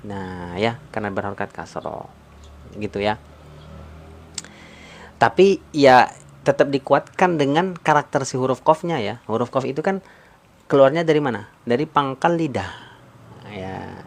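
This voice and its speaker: Patient man teaching recitation live. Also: medium pitch. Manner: patient, repeats points, quizzes viewers. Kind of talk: live-stream tajwid lesson.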